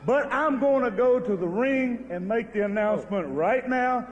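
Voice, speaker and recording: A man, a wrestling champion cutting a promo who pleads and then shouts out challenges. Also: very high voice, normal speed, big-room sound, lo-fi sound.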